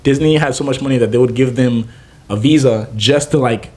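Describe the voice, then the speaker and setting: A man's voice: medium pitch, a little fast. A young adult man from Naples, Florida, a chef and food truck owner, telling stories in a casual interview and acting out the voices of the people he quotes. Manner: animated storyteller, acts out quoted voices.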